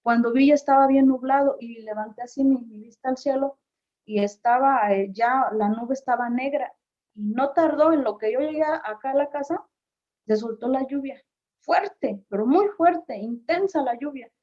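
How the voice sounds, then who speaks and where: A woman with a fairly high, mellow voice tells a personal story at an unhurried pace. She stops often on small filler words and slips into the voices of the people she is quoting. The recording sounds a little dull and lo-fi. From Mexico. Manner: unhurried, halting, with frequent filler pauses and reported dialogue. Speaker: community speaker.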